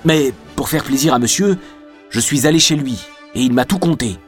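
A man's voice: medium pitch, moderate pace, soft background music, voice pushed up, natural voice. A man voicing a sly, greedy giant of a jailer who talks in a falsely sweet, fawning way.

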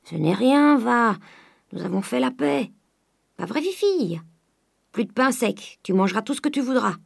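A stingy old man, gruff and then wheedling, drops his voice low, as a woman narrator puts him on. The tone is husky and close to the microphone, with no room sound, in a storybook reading. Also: measured pace, a little mellow, dry recording, full character voice. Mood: coaxing, gruff. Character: miserly, gruff old man, coaxing and domineering.

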